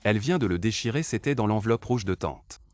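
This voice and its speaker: An actor playing a calm, quietly shrewd uncle in a mini-series drama. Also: male voice, on the low side, fairly quick, dull audio, natural voice. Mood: knowing.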